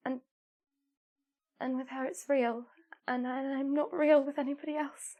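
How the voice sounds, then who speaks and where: Kobieta grająca zająkującą się, nieśmiałą damę. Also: female voice, high-pitched, level tone, warm tone, lightly acted. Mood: nervous. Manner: hesitant, stammering, halting restarts. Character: shy anxious young Regency lady.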